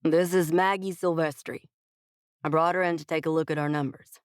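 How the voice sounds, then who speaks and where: An older Texan boss talks in a gentlemanly twang with a brusque edge, as a female narrator puts him on. His lines are folksy and to the point, recorded dry and close for an audiobook. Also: low voice, steady tone, normal speed, clear, resonant tone, no room sound, close to an everyday voice. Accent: Texas twang. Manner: gentlemanly, brusque, good-old-boy drawl. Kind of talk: audiobook dialogue.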